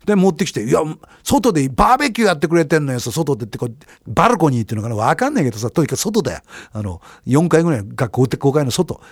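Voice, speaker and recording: Animated storytelling man, lively pitch. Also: racing, slightly rough, dry recording, studio quality. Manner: animated, quotes people with voice changes. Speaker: radio host. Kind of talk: casual storytelling monologue.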